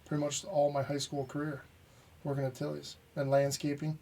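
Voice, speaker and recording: A man's voice: on the high side, completely flat delivery, fairly quick, creaky, dark tone, recorded from a distance. A man guesting on a podcast, talking in a plain, casual way with lots of "you know". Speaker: guest business owner.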